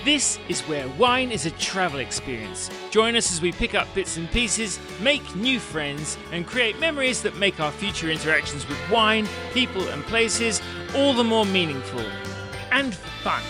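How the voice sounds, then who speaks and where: A man's voice: high voice, very animated, moderate pace, music in the background. A man hosting a podcast, reading a scripted intro with wordy, playful phrasing. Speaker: podcast host.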